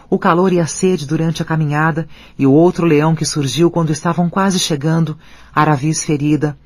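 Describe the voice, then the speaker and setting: A man narrating an audiobook in an even, measured reading voice. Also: on the high side, dry recording. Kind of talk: scripted narration.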